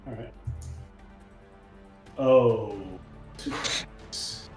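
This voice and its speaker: Playing a tabletop roleplaying game, a man talks casually and hesitantly, thinking out loud at an extremely slow pace. His voice is medium-pitched with fairly even intonation, recorded in a very echoey room with music in the background.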